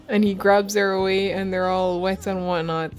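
A woman gaming YouTuber giving chatty, giggly let's-play commentary, bossing her characters around. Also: mid-range voice.

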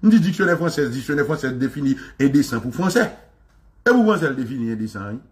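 A Haitian man hosting a show, ranting in an animated, mocking way, with lots of repetition and frequent laughter. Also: mid-range voice, fast talker. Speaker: show host. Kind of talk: impassioned commentary rant.

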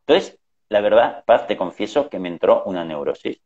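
Hombre de España muy expresivo, sonido apagado. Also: male voice, fairly low pitch, normal speed. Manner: animated anecdotes, acts out quoted family voices. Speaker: guest. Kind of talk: conversational storytelling. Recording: dull lo-fi sound.

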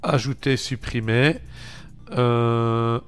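A man with a French accent hosts a screen-recorded software walkthrough, taking his time over every step. His speech is slow and unhurried, and he narrates each click with friendly little asides. Faint music plays quietly underneath. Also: mid-range voice, fairly even intonation, clear, resonant tone. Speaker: tech tutorial host.

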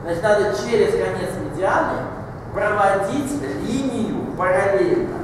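An older man, a mathematics teacher, explains a geometry problem step by step at a large classroom blackboard, giving blunt corrections and short commands. His voice is high-pitched and a little slow. The recording is echoey and noisy, captured on a distant mic.

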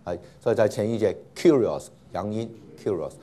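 A man's voice: on the low side, a little fast, mellow. Male teacher, patient classroom lecture, lots of fillers and repetition, with mixed in. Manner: patient, many filler 'ah' sounds, repeats words for students.

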